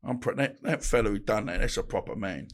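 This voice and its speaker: A middle-aged man, a guest telling stories from his boxing days in a halting, rambling way, full of restarts. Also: lowish voice. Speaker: guest, ex-boxer. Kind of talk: casual interview chat.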